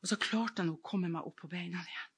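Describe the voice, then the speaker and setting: An older woman preaching a sermon with personal testimony, fervent and swinging between loud exclamations and hushed whispers. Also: lowish voice, slightly rough.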